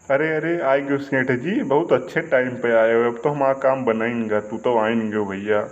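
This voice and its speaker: Pleading man in a comedy sketch, mid-pitched voice, lo-fi sound. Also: moderate pace. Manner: pleading, wheedling, excitable. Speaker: comic village election candidate. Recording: lo-fi recording.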